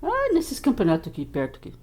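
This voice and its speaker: A woman's voice: fairly high pitch, fast. A woman in her sixties with a Brazilian Portuguese accent, recounting family memories in an interview. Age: 60s. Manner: animated storytelling, laughing. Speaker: interviewee, narrator's mother. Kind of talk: casual interview.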